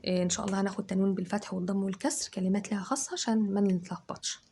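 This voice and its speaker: A woman teacher with an Egyptian accent, giving a dictation lesson to children and sounding words out syllable by syllable, loud and drawn out. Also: medium pitch, fairly even intonation, very fast, a little hiss or hum. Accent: Egyptian Arabic.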